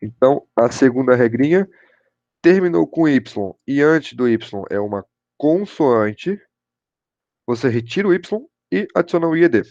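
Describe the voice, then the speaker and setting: Brazilian male teacher, gravelly, keeps checking in with his class; dry lo-fi recording. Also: medium pitch, lively intonation, measured pace, a little mellow, dry recording. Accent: Brazilian Portuguese. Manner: repeats "show de bola" and "pessoal", checks in with students. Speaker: English teacher. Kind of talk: online class explanation.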